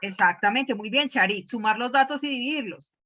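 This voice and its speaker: A woman leads a math class, firing questions at her students and repeating key terms again and again. Her voice sits fairly high and sounds bright and forceful. The recording is dull and lo-fi. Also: fairly quick. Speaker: math teacher. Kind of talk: classroom teaching.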